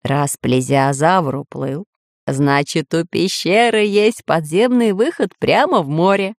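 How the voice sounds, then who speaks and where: A woman voicing a calm, learned old professor in a children's audiobook, speaking slowly and reassuringly in a lowered voice. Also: no room sound, studio quality. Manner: slow, lowered, reassuring explaining.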